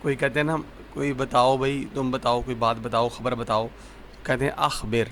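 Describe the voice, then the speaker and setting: A man leads a vocabulary lesson at a patient, repetitive pace. He says each word several times and asks the listener what it is called. His voice sits in a middle pitch, with a faint hum of noise behind it. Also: little pitch movement, a bit bright. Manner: slow, repetitive drilling of words. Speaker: Arabic teacher.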